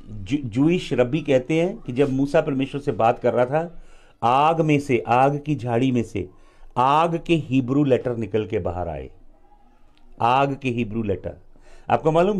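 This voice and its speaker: A man preaching a live sermon as pastor, delivering deliberate phrases with pauses and leading the congregation in call-and-response. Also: medium pitch, a little mellow.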